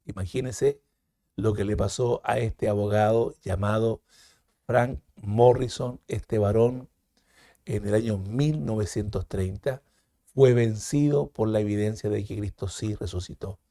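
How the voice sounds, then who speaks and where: A man with a Peruvian Spanish accent teaching a Sunday school lesson, leading listeners through call-and-response repetition and leaping up in pitch on the counts. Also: measured pace, warm tone, no echo, studio quality. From Peru. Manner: leads repetition drills, jumps high on counts; addresses listeners as "hermanos".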